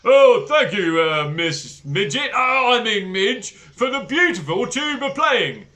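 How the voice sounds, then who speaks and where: A man's voice: sits high, sing-song, takes it slowly, pushed and bright, pitched above the performer's own voice, full character voice. A man putting on a pale, nervous headmaster from a storybook, stammering and hesitating in a raised, flustered voice. His delivery rises and falls a lot.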